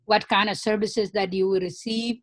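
Interview guest, woman, mid-pitched and reflective. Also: fairly even intonation, normal speed, no room sound. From Africa. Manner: earnest, reflective, many "you know" fillers. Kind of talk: conversational interview.

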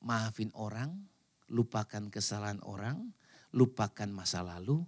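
A man preaching a lively, humorous sermon as pastor, joking with the congregation and mixing in English words. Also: on the low side, unhurried.

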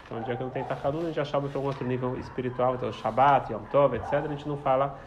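A man's voice: medium pitch, fairly even intonation, very fast. Man teaching a prayer, slightly muffled. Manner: explanatory, storytelling, repeats phrases. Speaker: Torah teacher. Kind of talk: teaching a prayer text to a small group. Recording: slightly dull, faint background noise.

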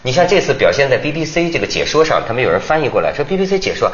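A man hosting a studio talk show, chatty and lively, often jumping in to agree with his guests. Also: mid-range voice, racing, echoey room, highs cut off.

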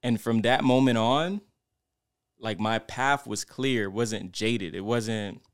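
Low, smooth-voiced young man reflecting. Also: no echo, clean studio sound. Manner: reflective, drawn-out storytelling with many fillers. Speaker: podcast co-host. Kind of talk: casual podcast chat.

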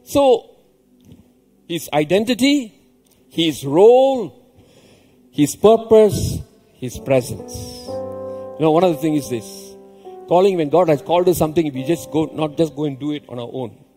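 A pastor giving an animated sermon, repeating key phrases with emphatic rises and chuckling between points. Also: male voice, a little high, moderate pace, soft background music. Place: church hall. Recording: long reverb in a large hall.

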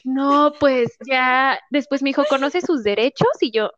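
Young Mexican woman, animated storyteller, quotes people in voices; slightly high, dry, muffled. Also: a little slow, no room sound. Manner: lively storyteller acting out quotes. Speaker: guest. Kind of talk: casual interview chat. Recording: muffled lo-fi audio.

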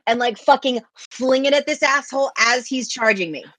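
A woman playing in a tabletop game, brash and excitable, swearing freely. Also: high voice, normal speed, no room sound. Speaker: player. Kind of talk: casual tabletop game play.

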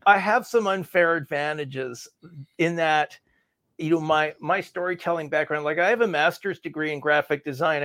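Male interview guest, gravelly texture, dead-dry room, self-assured and wry. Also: a little high, fairly bright tone, no echo. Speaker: guest, speaking coach. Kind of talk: conversational interview.

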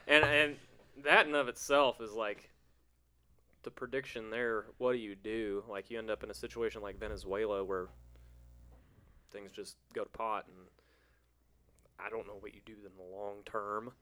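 A man co-hosting a casual podcast in an easygoing, rambling way. His voice is a little low. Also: fairly even intonation, moderate pace, long pauses, pushed and bright. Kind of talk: casual chat.

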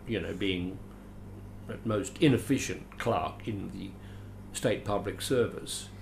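A veteran Australian actor from Adelaide, now older, rambles fondly through past memories as an interview guest, with wry self-deprecating asides. His voice is lowish, gravelly and a little mellow, with a touch of hiss or hum.

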